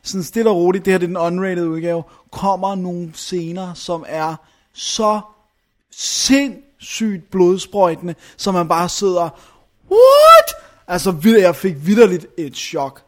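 A young man talks through a movie in a loose, casual chat, his voice sitting fairly high. He rambles, hunts for names and leans on fillers as he goes. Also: fairly even intonation, hardly any pauses, a little mellow. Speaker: film reviewer.

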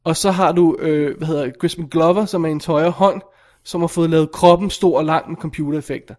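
A man in casual film review chat, animated and exasperated as he talks. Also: a little high.

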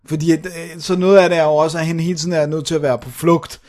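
A man with a slightly raised voice chats in an easygoing podcast conversation. He makes his points gently and tends to close them with a quick tag question. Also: a little high, fairly even intonation. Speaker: podcast co-host. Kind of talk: casual chat.

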